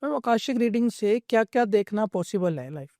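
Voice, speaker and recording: A woman's voice: mid-range voice, expressive, a little fast, a little mellow, no room sound, clean studio sound. A woman podcast host who asks short questions and politely acknowledges her guest. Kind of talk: interviewing.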